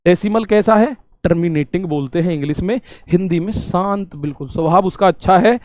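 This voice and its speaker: A man's voice: sits high, brisk, darkish tone, dry recording. A man teaching a math class to exam students, talking casually, repeating questions back to them and explaining with everyday examples. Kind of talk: online exam-prep class.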